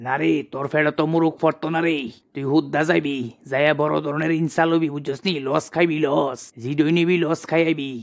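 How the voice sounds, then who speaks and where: A man voicing a shrewd old village man who talks slowly and gives advice. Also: fairly high pitch, flat delivery, creaky. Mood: warning. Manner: slow drawling advice.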